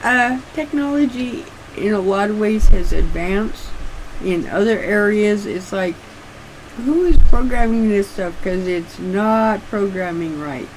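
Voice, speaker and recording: An older woman chatting casually and haltingly, with slightly restricted articulation, as if her sore jaw won't open wide. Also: mid-range voice, lively intonation, slight background noise, poor audio. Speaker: craft vlogger. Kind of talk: casual rambling chat.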